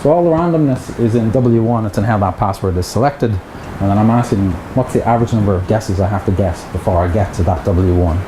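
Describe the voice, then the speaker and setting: This is a middle-aged Irish man lecturing in a seminar room with a projector, his voice on the low side and a little fast. He keeps the academic talk chatty, with joking asides for the audience, while the recording picks up echo and background noise.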